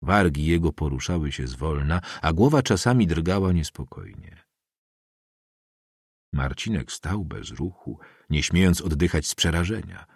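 Niski, zachrypnięty lektor audiobooka. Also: male voice, a bass voice, slightly rough, dry recording, clean studio sound. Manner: measured, expressive reading. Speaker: audiobook narrator. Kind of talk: scripted literary narration.

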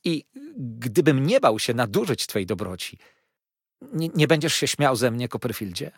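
A man reading an audiobook voices a shy, grateful young man who speaks slowly and hesitantly. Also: medium pitch, sing-song, breathy edge, dry recording, clean studio sound, voice pushed up, full character voice. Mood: timid, grateful.

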